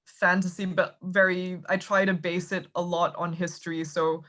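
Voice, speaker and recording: A woman's voice: fairly low pitch, completely flat delivery, normal speed, a bit bright. A woman from Thailand with an American accent, an author explaining her work articulately in a video call interview. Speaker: author guest. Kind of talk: casual interview answers.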